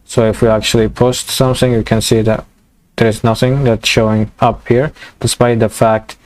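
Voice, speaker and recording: A young man walking through a coding tutorial in a halting way, full of fillers and restarts, as his voice gives out. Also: mid-range voice, flat delivery. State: losing his voice. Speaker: programming tutor. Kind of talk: screen-recorded coding tutorial.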